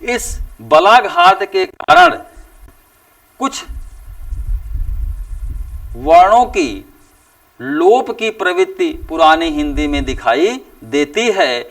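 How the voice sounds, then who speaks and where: Male teacher, higher-pitched and gravelly, drawn-out deliberate lecturing. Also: big pitch swings, a bit bright, recorded from a distance. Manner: slow and deliberate, stretching out example sounds with emphatic rises. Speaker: Hindi teacher. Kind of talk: classroom lecture.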